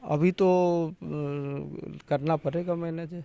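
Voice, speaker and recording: A man's voice: fairly high pitch, steady tone, slow, gravelly, dark tone. A man, answering informally as a government officer being interviewed. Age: 50s.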